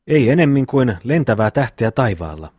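A man reading the part of a steady grown brother who speaks in an earnest, urging way. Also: medium pitch, no room sound, studio quality. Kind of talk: audiobook reading.

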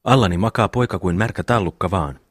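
A man reading the part of a slow, good-natured young brother in an audiobook, plodding and homely. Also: deep voice, no room sound, studio quality.

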